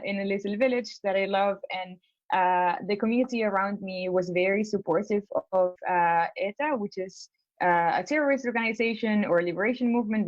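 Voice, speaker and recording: With no echo and clipped high frequencies, this recording carries a mid-range female voice. She's a young Spanish law school applicant on a relaxed consultation call, stumbling through her plans with frequent fillers and false starts.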